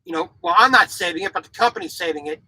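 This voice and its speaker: Fast-talking with a high, pushed, bright voice, a truck driver in his forties vlogs from his small sleeper cab on a low-quality recording with no echo. He grew up in Japan as a military child. His casual monologue is blunt and opinionated, marked by repeated words and frequent restarts.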